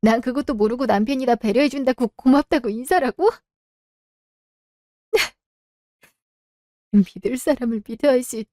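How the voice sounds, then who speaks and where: A woman acting in a radio drama, confronting in a sharp, cold way. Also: on the high side, measured pace, long pauses, dry recording, studio quality. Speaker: voice actor.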